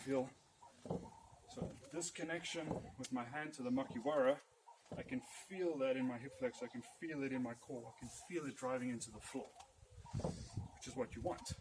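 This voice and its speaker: A man coaching martial arts conditioning in an easygoing, off-the-cuff way. His voice sits at an ordinary middle pitch. Loud background noise runs under everything he says. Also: lively intonation, brisk, gravelly. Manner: practical, loose and unscripted, with fillers. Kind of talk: demonstrating and explaining training.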